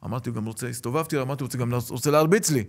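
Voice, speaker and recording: Man, middle-aged, gravelly, rabbi telling stories, animated, acts out quotes. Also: mid-range voice. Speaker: rabbi and lecturer. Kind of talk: storytelling in an interview.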